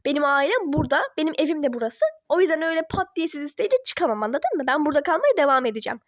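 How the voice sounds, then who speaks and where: A woman's voice: sits high, big pitch swings, very fast, dry recording, pitched below the performer's own voice. A woman voicing a defiant teenage girl who argues with her parents in a toy-app role-play drama. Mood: pleading. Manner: indignant, argumentative.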